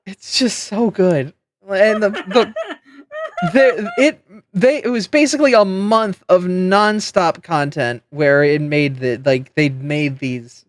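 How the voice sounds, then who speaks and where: A man's voice: high voice, takes it slowly, no echo, clean studio sound. A man chatting casually while streaming a game, swearing freely and restarting his sentences. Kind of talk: casual gameplay chat.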